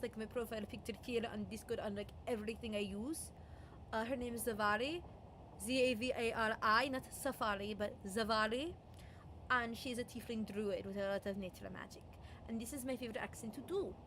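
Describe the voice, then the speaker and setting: Steady in tone and a little fast, a young adult game streamer with a medium-pitched, slightly bright voice rambles through casual live-stream chat. The talk is full of "um" and "like" plus playful voices and mimicry, over slight background noise.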